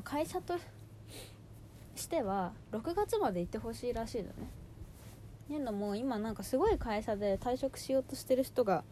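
A woman in her twenties chatting casually in slangy gyaru, valley-girl style, telling stories in an animated, exasperated way as she hosts a personal audio diary. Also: on the high side, a little hiss or hum. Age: 20s. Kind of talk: casual chat, venting monologue.

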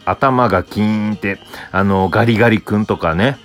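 A young man from Hokkaido hosting a solo podcast, rambling casually and answering himself with soft filler sounds. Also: lowish voice, moderate pace, faint music behind. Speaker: podcast host.

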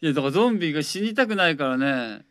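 A man with a fairly high, very animated voice hosts a casual radio chat. He talks in halting, agreeable bursts, and the sound is dry and close. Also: dry recording. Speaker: radio show host.

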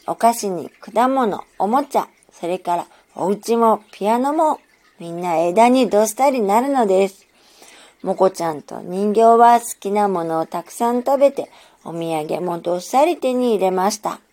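A woman narrating a children's story in a gentle, measured storytelling manner. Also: medium pitch, animated.

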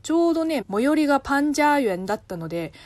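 Host, woman from China, Chinese-accented, casual explainer, animated melody, dry close mic. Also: quick pace, dry recording. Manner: chatty, explains with spoken examples, lively pitch swings. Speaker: podcast host answering listener questions. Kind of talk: casual solo radio talk.

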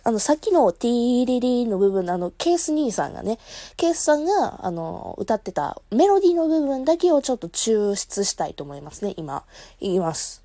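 A woman's voice: fairly high pitch, dark tone, no room sound. A woman with a Kansai accent hosting a casual solo podcast, chatty and teasing, laughing often as she talks into a phone app. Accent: Kansai Japanese. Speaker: podcast host.

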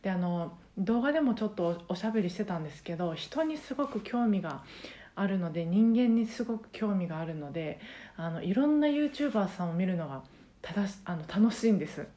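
A woman's voice: mid-range voice, lively intonation, a little fast, dark tone. A woman with a Kansai accent, a karaoke teacher talking casually and at length on her own podcast, rambling with many fillers. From Japan. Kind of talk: casual solo podcast chat.

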